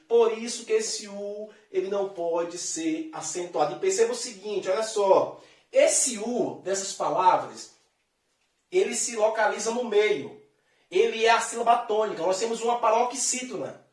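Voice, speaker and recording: A male teacher gives a grammar lesson. He talks to the viewer directly in a lively, chatty way and stretches out his example words. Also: high voice. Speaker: Portuguese teacher. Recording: echoey room, distant mic.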